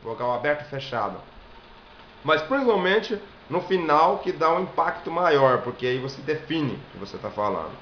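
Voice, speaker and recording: A man's voice: a little high, very animated, moderate pace. A Brazilian man giving a singing lesson, explaining step by step and demonstrating vowel sounds. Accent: Brazilian Portuguese. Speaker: singing and viola teacher. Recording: echoey room, dull lo-fi sound, faint hiss.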